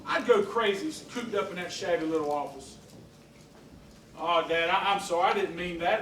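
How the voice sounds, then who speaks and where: A man's voice: high voice, slight background noise. A man acting an eager, restless young traveler in a community theatre musical, recorded from far off on stage. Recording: distant echoey stage recording, loud music.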